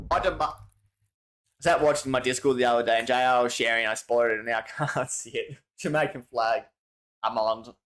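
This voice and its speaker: A man's voice: mid-range voice, fairly bright tone. An Australian man hosting a livestream, chatting casually in a rambling, slangy way as he reads out viewer messages. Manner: rambling, slangy, restarts often. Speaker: livestream host.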